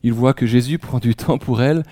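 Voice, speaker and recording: A man raised in France preaching a sermon, telling stories in a conversational way and often dropping to a hushed near-whisper. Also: medium pitch, brisk, no room sound, clean studio sound. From France, raised in Alsace. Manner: many restarts, conversational storytelling.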